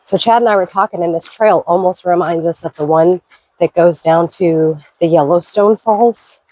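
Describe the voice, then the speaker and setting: A woman with a head cold and a raspy, congested voice chats upbeat while filming a walk down a forest trail to a waterfall. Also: lowish voice, normal speed, dark tone, no echo, low-quality recording. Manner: chatty, upbeat, pointing things out. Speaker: vlogger. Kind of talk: casual hiking vlog.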